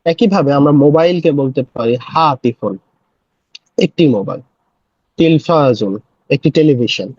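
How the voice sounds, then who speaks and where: A man teaching a casual Arabic lesson, patiently explaining and repeating words slowly. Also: a little high, lively intonation, darkish tone, no echo, muffled recording. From Bangladesh. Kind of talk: casual spoken language lesson.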